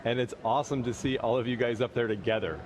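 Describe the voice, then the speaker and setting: A man's voice: mid-range voice, steady tone, fast. A man giving live remarks and putting questions as a company representative at an event. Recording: noisy live link with ambient hum.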